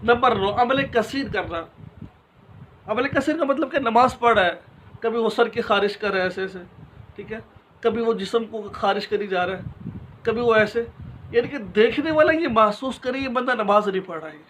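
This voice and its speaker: High-voiced man teaching a religious lesson. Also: a bit bright, slight background noise, low-quality recording. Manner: explains step by step with examples and rhetorical questions; addresses listeners directly and informally.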